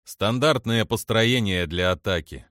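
A composed male officer speaks in a quiet, even, reassuring way. A male audiobook reader plays him in his own voice. The recording is dry, with no room sound. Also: fairly low pitch, a little slow, no room sound. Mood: calm. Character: calm male naval officer, steady and measured.

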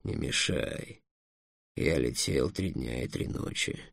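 Man doing a gravelly grumbling old dragon. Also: animated, a bit bright, dry recording, clean studio sound, full character voice. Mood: sulky muttering. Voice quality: deep gravelly drawl. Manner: slow, brooding, muttering. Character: grumpy, gloomy old male dragon. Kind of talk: audiobook character voice.

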